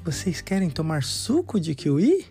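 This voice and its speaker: Woman doing a gentle sweet old lady. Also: deep voice, big pitch swings, moderate pace, soft background music, voice pushed down.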